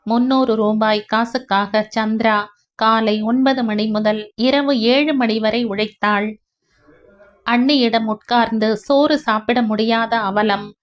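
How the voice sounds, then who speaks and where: Slow, high-voiced woman narrating a story. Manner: slow, even, emotional reading. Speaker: audiobook narrator. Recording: dull lo-fi recording.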